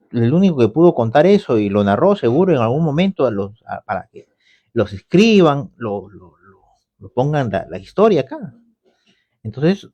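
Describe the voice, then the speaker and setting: A man with a fairly high but mellow voice, teaching scripture over the radio. He explains patiently and keeps checking in with his listeners. The recording is dull and lo-fi. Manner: explanatory, often adds the tag question "¿no?". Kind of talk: conversational Bible commentary.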